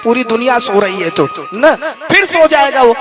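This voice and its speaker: A man preaching a devotional sermon to a live audience, shifting from talk into slow, melodic chanting of Sanskrit verses and asking the listeners questions. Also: very high-pitched, lively intonation, music in the background. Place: hall with a seated audience.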